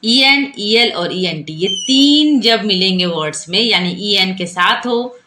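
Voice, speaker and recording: Bright-voiced woman teaching phonics. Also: medium pitch, lively intonation, unhurried, a little hiss or hum. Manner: explains patiently, repeats and quizzes the listener. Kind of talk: whiteboard phonics lesson.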